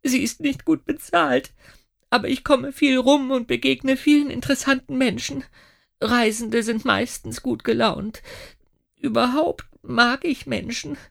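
A man's voice: extremely high pitch, fairly even intonation, unhurried, creaky, fairly bright tone, pitched above the performer's own voice, heavily acted. A man voicing an indignant middle-aged woman train conductor who sobs and then snaps back. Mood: tearful. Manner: sobbing then snapping indignantly.

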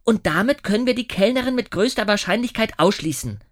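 A man's voice: high voice, animated, fairly quick, fairly bright tone, pitched above the performer's own voice. A man voicing a clever young girl detective who explains her reasoning with confidence. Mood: confident.

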